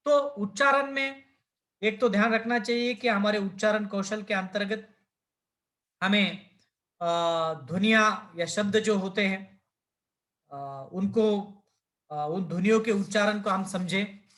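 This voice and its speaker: High, bright-voiced male teacher. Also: a little slow, pauses often. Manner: explanatory, with frequent fillers and self-corrections. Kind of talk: lecture on language skills.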